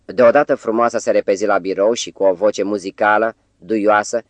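A man reading a novel aloud as audiobook narrator, measured storytelling. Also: fairly low pitch, steady tone, dry recording. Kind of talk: scripted narration.

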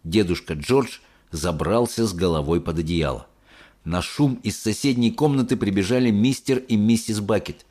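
A man reading a children's story aloud as an expressive audiobook narrator. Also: fairly low pitch, moderate pace.

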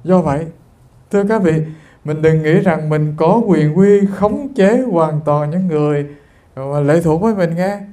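Man, Buddhist preacher, earnest and storytelling, warm and slightly high. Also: a little slow. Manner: addresses listeners repeatedly, earnest and storytelling. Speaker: Buddhist monk giving a dharma talk. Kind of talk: sermon.

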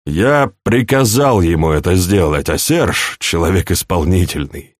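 A man voicing a shrewd, fatherly older chancellor in an audiobook, speaking in a calm, measured, persuasive way. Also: low voice, no echo, studio quality. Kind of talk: audiobook character reading.

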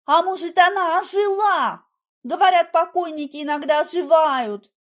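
A woman playing a high-strung, agitated young heroine. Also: takes it slowly.

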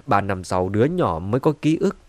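A man voicing a cunning middle-aged peacemaker who talks soothingly to calm a quarrel, in a dry-sounding audiobook. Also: on the low side, a little fast, no room sound. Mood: placating. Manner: soothing, conciliatory.

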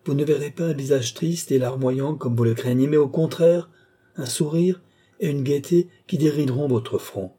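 A man voicing a mysterious male captor who speaks calmly, sadly and persuasively. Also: a little high, normal speed, slightly rough, voice pushed up. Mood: sorrowful. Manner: calm, sorrowful, persuasive.

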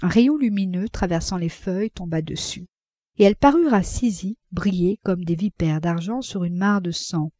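A woman reading a classic novel aloud as an audiobook, in a measured narrating voice. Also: no room sound, clean studio sound. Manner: measured, voices characters with raised pitch and loudness. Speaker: audiobook reader.

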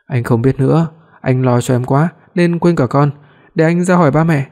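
Picture a man reading a young husband who dotes on his wife and gets his own way. He speaks firmly in a mellow, warm tone. This is a spoken family story. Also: fairly high pitch, moderate pace, natural voice. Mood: tender. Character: young husband, possessive and doting.

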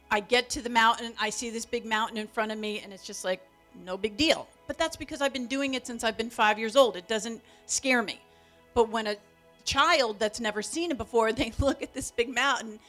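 Middle-aged woman, animated storyteller, higher voice, faint music behind. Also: brisk. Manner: animated, acts out quotes with big pitch jumps. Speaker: co-speaker, mother of the other speaker. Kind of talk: storytelling talk.

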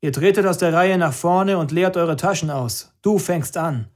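A man's voice: a little high, moderate pace, pitched above the performer's own voice, close to an everyday voice. Man playing a barking police commander. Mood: commanding. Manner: barked curt orders. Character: harsh male police commander, cold and mocking.

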